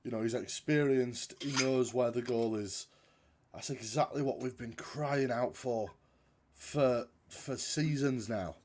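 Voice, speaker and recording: A man's voice: mid-range voice, unhurried, noisy background. A man co-hosting a casual football podcast, with a dry, self-mocking sense of humour. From Yorkshire, England. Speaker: podcast co-host.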